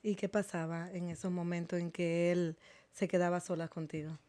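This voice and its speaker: A woman hosting an interview, asking gentle questions and reacting with short responses. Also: on the low side, little pitch movement, moderate pace. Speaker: host. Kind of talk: conversational interview.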